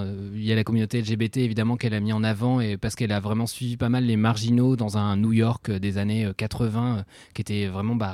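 Man, podcast co-host, halting filler-heavy delivery, quick jokes, dry mic. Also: lowish voice, dark tone, no room sound. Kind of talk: casual group chat.

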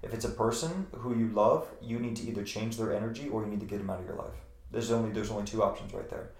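A man with a low, gravelly voice speaks in an earnest, emphatic way as an interview guest. He gives motivational advice and hammers his points home by repeating them. The room adds a clear echo around him. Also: quick pace, darkish tone. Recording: roomy echo.

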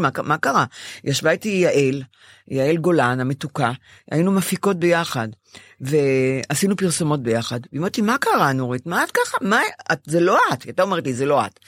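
An older woman chats with a co-host, her pitch leaping and dipping as she tells a long personal story. She acts out what she once said to others. The sound is close and dry, with no room around her. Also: slightly rough, no echo. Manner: animated storytelling, acting out her own past lines. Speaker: podcast co-host. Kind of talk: casual chat.

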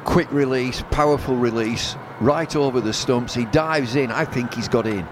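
A man's voice: mid-range voice, moderate pace. A man co-commentating on cricket with unscripted analysis in short phrases. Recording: clear outdoor ground noise.

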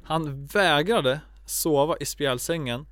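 A man's voice: a little high, a bit bright, dry recording. A man in casual podcast chat who laughs often and tells stories with emphatic repetition and casual swearing.

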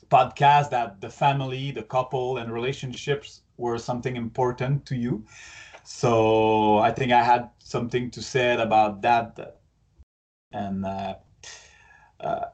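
A male podcast guest talks in a middle-pitched voice, careful and hesitant, with fillers. His audio sounds dull and lo-fi, like a remote feed. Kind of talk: casual interview chat.

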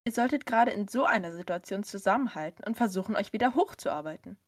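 A woman's voice: medium pitch, lively intonation, fast, close to an everyday voice. A woman reading the part of a firm, scolding mother. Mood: stern. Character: stern, protective mother, middle-aged.

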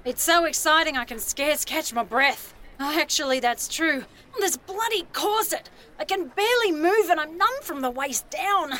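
Brash high-voiced Australian woman. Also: expressive, normal speed, few pauses, pushed and bright. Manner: brash, bawdy, cheeky. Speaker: comedy podcast actor. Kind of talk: scripted comedic radio play.

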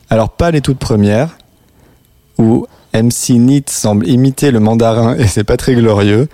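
A man's voice: mid-range voice, mellow, no room sound. A man co-hosting a late-night music show, chatting casually with fillers and reading out a written intro with jokey asides.

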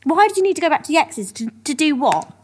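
A woman's voice: sits high, very animated, fast talker. A woman co-hosting a podcast, bantering playfully and laughing often in casual chat. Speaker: podcast co-host.

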